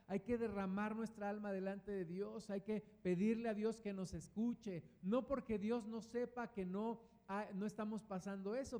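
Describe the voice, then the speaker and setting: A man's voice: high voice, warm tone. A man preaching a sermon in a church hall, earnestly repeating words for emphasis. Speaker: guest preacher. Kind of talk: sermon with scripture reading. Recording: long hall reverb.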